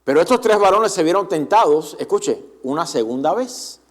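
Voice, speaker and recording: Animated man preaching a sermon. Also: high-pitched, normal speed. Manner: animated, asks the congregation questions. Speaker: pastor. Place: church.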